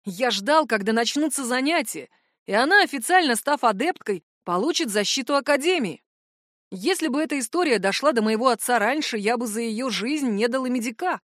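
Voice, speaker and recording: A woman voicing a calm, level-headed young male cousin in an audiobook, speaking firmly and reasoning. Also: on the high side, brisk, no room sound, clean studio sound, voice pushed up. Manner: firm, reasoning. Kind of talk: audiobook narration.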